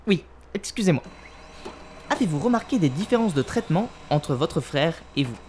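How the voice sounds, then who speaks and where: A man playing a deadpan, tactless police interrogator. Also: on the high side, moderate pace, slight background noise. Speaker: interrogating officer. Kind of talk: comedy sketch acting.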